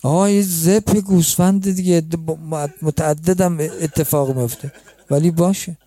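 A man's voice: fairly high pitch, fairly even intonation, warm tone, no echo, soft background music. A male preacher telling a religious story in a conversational way, turning to address his listeners as friends. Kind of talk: storytelling sermon.

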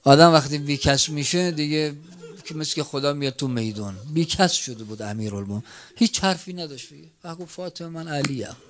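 Preacher, swinging loud to hushed. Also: male voice, a little high. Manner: swings between loud cries and hushed near-whispers, tearful chant. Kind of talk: mourning sermon.

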